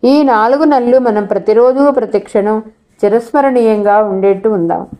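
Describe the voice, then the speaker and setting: A woman's voice: fairly high pitch, moderate pace, dark tone, close to an everyday voice. A woman voicing a playful young female college student who teases her friend in a coaxing way. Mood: teasing. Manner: teasing, coaxing.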